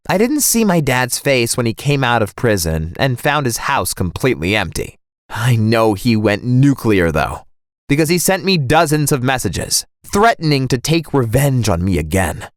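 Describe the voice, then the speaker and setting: Young male narrator, dramatic and expressive, dry booth sound. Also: medium pitch, moderate pace, no room sound. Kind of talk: scripted first-person story narration.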